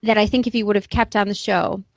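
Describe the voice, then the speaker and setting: A woman's voice: mid-range voice, steady tone, fast talker, no room sound. A woman co-hosting a casual podcast discussion, emphatic and opinionated. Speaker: podcast co-host.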